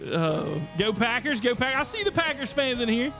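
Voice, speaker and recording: A man's voice: extremely high pitch, creaky. A man hosting a podcast livestream, talking energetically and reading out chat messages. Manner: energetic, reads chat aloud. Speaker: podcast host.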